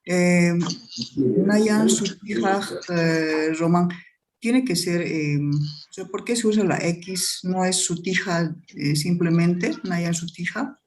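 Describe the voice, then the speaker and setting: Slow, hesitant woman student. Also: on the low side, a little mellow. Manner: hesitant, many "eh"s. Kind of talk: online class question.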